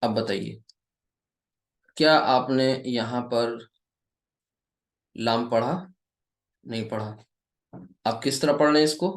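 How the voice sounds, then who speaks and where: A man's voice: medium pitch, echoey room. A man teaching an Arabic grammar lesson in a patient classroom manner. He asks the viewer questions and answers them himself. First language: Urdu or Hindi speaker teaching Arabic. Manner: deliberate, slow delivery with many repeated checks of "okay". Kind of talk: classroom-style lesson, explaining at a board.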